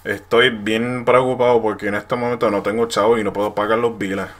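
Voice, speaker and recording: A man's voice: fairly low pitch, little pitch movement, fast. A man in his twenties with a Puerto Rican accent, casually demonstrating slang phrases at home. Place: small room at home, indoors. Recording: noisy room recording.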